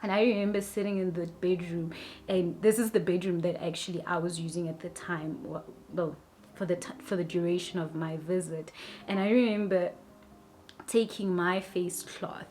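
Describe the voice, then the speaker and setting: A woman telling a personal story to camera in a halting way, repeating words and sinking to a hushed near-whisper at tense moments. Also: fairly low pitch, steady tone, a little hiss or hum. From South Africa. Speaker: YouTuber recounting a personal experience.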